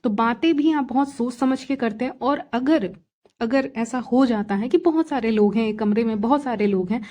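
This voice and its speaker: A woman's voice: on the high side, normal speed, mellow. A young adult woman talking through a collective tarot reading in a chatty way, repeating her phrases and often checking in with her listeners. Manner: chatty, repeats phrases, frequent "theek hai" fillers. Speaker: tarot reader.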